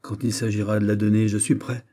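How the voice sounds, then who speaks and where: A man's voice: on the low side, little pitch movement, brisk, mellow, lightly acted. A man reading aloud, voicing a confident, proud young nobleman at court. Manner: assured, proud.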